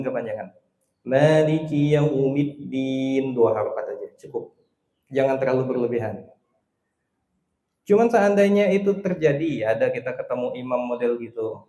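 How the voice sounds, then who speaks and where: A middle-aged male religious teacher giving a casual study lesson, talking conversationally and drawing out recited verses slowly as examples. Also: mid-range voice, darkish tone, echoey room.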